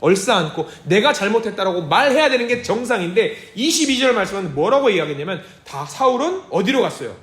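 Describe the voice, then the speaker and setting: Animated pastor in an echoey church. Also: male voice, high-pitched, fairly quick, few pauses. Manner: animated, acts out the Bible figures' lines with sudden shouts and hushed asides. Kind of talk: sermon. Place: church sanctuary.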